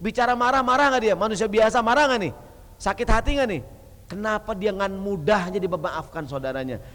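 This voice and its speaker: A male Islamic preacher gives a lively, joking sermon and keeps asking the audience rhetorical questions. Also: high-pitched, brisk. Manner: casual, joking, slangy delivery. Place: mosque hall. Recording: long hall reverb.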